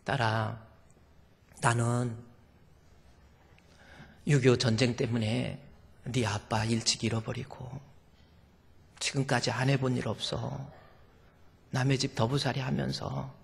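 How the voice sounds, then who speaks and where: Man doing a soft-spoken elderly mother. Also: medium pitch, flat delivery, gravelly, breathy edge, big-room sound, exaggerated voice. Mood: firm. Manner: soft, slow, gently reproving. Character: elderly widowed mother, gentle and steady in faith.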